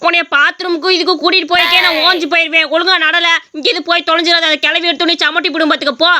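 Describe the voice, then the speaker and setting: A woman's voice: extremely high pitch, little pitch movement, rapid-fire, pushed and bright, full character voice. A woman voicing a grumpy older brother in a cartoon story, scolding in rural speech.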